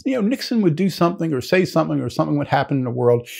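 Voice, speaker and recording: An older man with a gravelly edge to his voice tells stories from his student days. He rambles and restarts often, and his pitch swings widely as he recounts them. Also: very animated, rapid-fire, a little mellow. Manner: rambling, with many restarts and asides. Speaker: naval historian. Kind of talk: anecdotal storytelling.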